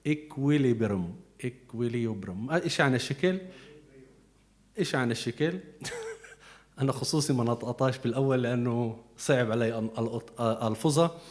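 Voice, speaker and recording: A man's voice: mid-range voice, a little mellow. A man with a Levantine Arabic accent, giving a conversational Bible teaching as a preacher, explaining patiently and repeating key words.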